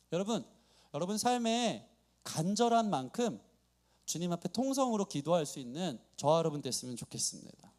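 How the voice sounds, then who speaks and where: A male pastor delivering a dramatic, emphatic sermon in a church. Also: high-pitched. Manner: dramatic, emphatic preaching with acted-out quotes. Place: church sanctuary.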